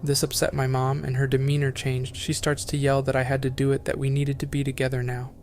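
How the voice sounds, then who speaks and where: A man reading first-person horror stories aloud as scripted narration, in a flat, even reading. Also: mid-range voice, a little fast, slight background noise.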